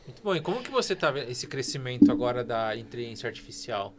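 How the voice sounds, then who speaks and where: A man's voice: medium pitch, big pitch swings, quick pace, a crowd in the background. A man hosting a casual podcast interview, asking long, rambling questions. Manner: rambling, loosely phrased questions. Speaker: podcast host.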